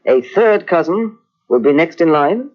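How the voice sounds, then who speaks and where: An actor playing a courteous, dogged police inspector in an old radio mystery, clipped and probing. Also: male voice, fairly high pitch, animated, a little slow. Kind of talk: 1950s radio drama acting. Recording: dull old radio transcription.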